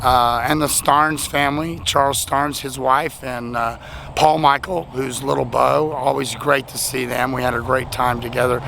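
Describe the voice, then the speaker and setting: A hoarse man, his voice worn nearly out from a weekend of talking, chats through a casual thank-you vlog outdoors at a highway rest stop with traffic close by. His mid-range voice sounds creaky, pushed and bright yet steady, at a moderate pace, as he rambles in a self-deprecating way.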